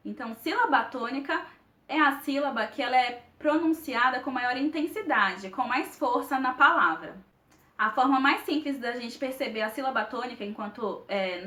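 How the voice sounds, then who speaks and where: A young Brazilian woman teaching a Portuguese grammar lesson. She speaks clearly and deliberately and stretches each example word slowly. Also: fairly high pitch, sharp tone, echoey room.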